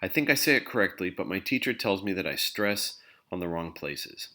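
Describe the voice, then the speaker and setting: A man giving a scripted lesson in a clear, patient way, explaining pronunciation to learners. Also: low voice, animated, fairly quick, sharp tone. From English-speaking country. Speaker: language teacher. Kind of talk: scripted instructional narration.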